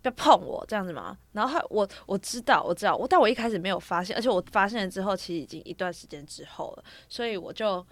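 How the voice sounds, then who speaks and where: A woman's voice: medium pitch, expressive, fast, few pauses, a bit bright, no echo. A young woman, telling a long story on a casual podcast, rambling from clause to clause with fillers. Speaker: podcast co-host.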